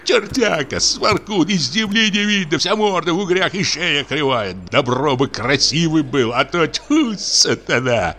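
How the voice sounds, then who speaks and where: Male reader voicing a superstitious village sexton, shrill, whiny, ranting, storybook reading. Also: expressive, measured pace, hardly any pauses, pushed and bright, a little hiss or hum, full character voice. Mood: whining tirade. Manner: whining, accusing and frantic.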